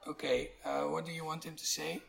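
A deep-voiced man from the Netherlands, chatting casually in a hesitant, understated way as a podcast host. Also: level tone, a little fast, creaky, a bit bright. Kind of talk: casual chat. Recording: faint background noise.

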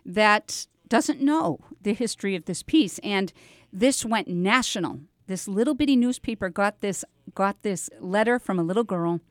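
An older American woman with a mid-range voice hosts a casual radio talk show from a studio. She chats conversationally and addresses her listeners directly. The sound is clean, with no room echo.

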